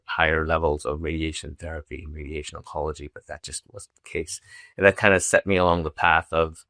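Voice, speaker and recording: A man's voice: extremely low pitch, fairly bright tone, dry recording, clean studio sound. A middle-aged man from Zambia, a company founder talking casually as a podcast guest, with many restarts and fillers. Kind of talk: casual interview chat.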